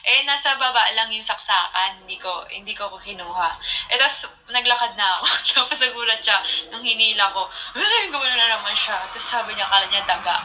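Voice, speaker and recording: A woman's voice: medium pitch, normal speed, bright, forceful tone, slight background noise, poor audio. A young woman hosting a casual livestream, chatting to viewers and laughing often as she tells a story. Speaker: livestream host.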